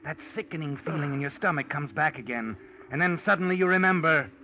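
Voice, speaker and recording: A man's voice: on the high side, fairly quick, close to an everyday voice. A man voicing a mysterious narrator who speaks ominously to the guilty in a 1940s radio drama. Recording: dull old radio broadcast with music.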